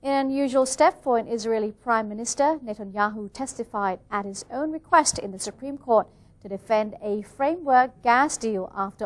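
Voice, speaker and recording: High-voiced female news anchor. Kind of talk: scripted news reading.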